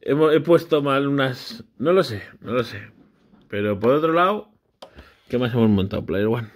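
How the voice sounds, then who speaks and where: A man's voice: medium pitch, expressive, moderate pace. A man, casually vlogging a brick build with his child, chatty and often unsure as he corrects himself.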